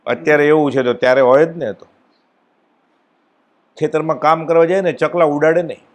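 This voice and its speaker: A man giving a devotional discourse at a spiritual gathering, telling stories and acting out the dialogue with sudden rises and drops in his voice. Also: a little fast. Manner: animated storytelling, acts out dialogue with swings in pitch and loudness. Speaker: spiritual speaker at a satsang.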